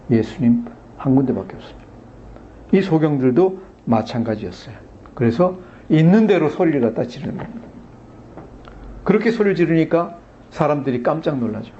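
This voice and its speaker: A pastor preaching a Sunday sermon, asking his congregation questions and acting out the blind men's cries and the crowd's hushing. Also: on the high side, lo-fi sound, slight background noise. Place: church sanctuary.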